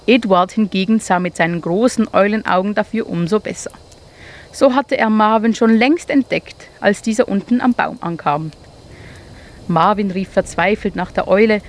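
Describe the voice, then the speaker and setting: A woman reading a children's animal story aloud in a calm, inviting, measured way. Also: mid-range voice.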